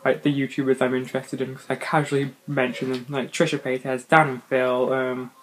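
A young man chats through a casual mukbang vlog, talking with his mouth full and swearing now and then. His medium-pitched voice is flat and a little fast, the recording is low quality, and faint party noise drifts in behind him.

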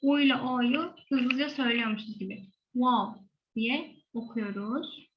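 Slow, high-voiced woman teaching pronunciation. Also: dull audio, background noise. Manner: models sounds slowly, repeating them. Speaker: Korean language teacher. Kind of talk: explaining Korean pronunciation.

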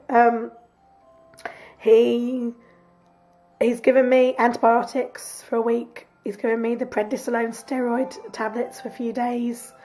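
Hoarse, chatty woman vlogger. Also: a little high, a little mellow, low-quality recording. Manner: chatty, rambling, laughs often. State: hoarse, croaky from a cough. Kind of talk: chatty video diary. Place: home, sofa in front room.

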